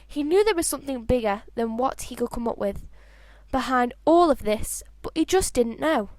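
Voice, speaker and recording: Reading fan fiction aloud at a moderate pace, a high-voiced woman gives an expressive, homemade audiobook performance. The sound is close and dry, without echo, and she occasionally stumbles slightly over a word.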